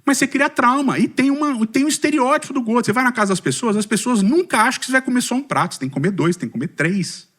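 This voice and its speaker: At a church community talk, a middle-aged Brazilian man speaks very high-pitched and quickly, with hardly any pauses, in a Brazilian Portuguese accent. He turns his personal testimony into lively, humorous storytelling, poking fun at himself and questioning the audience.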